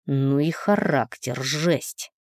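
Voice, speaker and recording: A woman voicing a teasing, laid-back young man in an audiobook, with a slightly lowered, offhand delivery. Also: slow, dry recording, clean studio sound, heavily acted. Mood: unimpressed.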